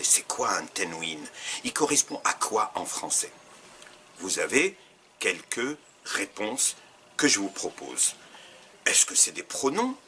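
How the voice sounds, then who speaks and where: A man teaching, who reads out quiz questions to learners and slowly repeats each set of answer choices. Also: on the low side, pushed and bright, a little hiss or hum. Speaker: Arabic teacher.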